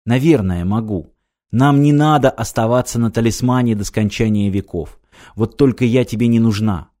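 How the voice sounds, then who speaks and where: A man reading the lines of a determined young woman in an audiobook, brisk and earnest. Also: mid-range voice, mellow, close to an everyday voice.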